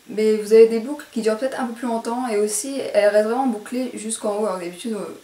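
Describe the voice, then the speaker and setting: A beauty vlogger with a posh French accent and a mid-range, dark-toned voice talks through a hair tutorial. She hesitates, corrects herself, and uses many fillers. The room is echoey and the mic sits at a distance.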